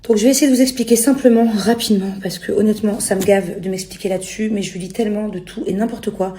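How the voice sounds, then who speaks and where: A young woman rants casually to her followers in an exasperated, self-justifying way, full of slang. Her voice is mellow and soft-edged at a middling pitch, with a clearly roomy echo around it. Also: steady tone, fast, a little hiss or hum. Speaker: reality TV personality. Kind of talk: casual spoken rant to followers.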